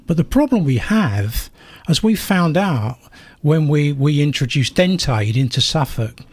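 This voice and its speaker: An older man from South London with a South London accent, a guest in a radio interview who tells stories with lively acted-out dialogue. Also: a little high, unhurried. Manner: animated storyteller, acts out dialogue.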